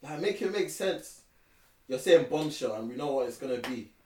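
A man's voice: medium pitch, animated, moderate pace, dark tone, distant mic. A young man gives slangy, opinionated takes as a podcast co-host. He sounds roomy, set back from the mic. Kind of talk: casual chat.

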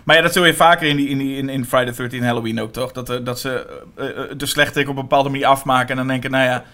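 A man co-hosting a podcast, talking casually about horror films in quick, animated bursts with many fillers. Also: medium pitch. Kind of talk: casual film discussion.

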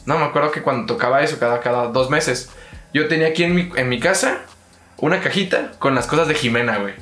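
A young man with a Mexican accent, chatting casually in a slangy, relaxed way. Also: mid-range voice, quick pace, faint music behind. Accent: Mexican Spanish. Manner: slangy and relaxed, peppers talk with "güey". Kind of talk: casual chat. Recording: echoey room.

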